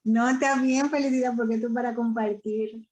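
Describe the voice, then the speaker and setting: A woman's voice: a little high, fairly even intonation, moderate pace, darkish tone, low-quality recording. A woman hosting a church gathering, encouraging and affirming, answering with amens. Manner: encouraging, with frequent amens and agreements.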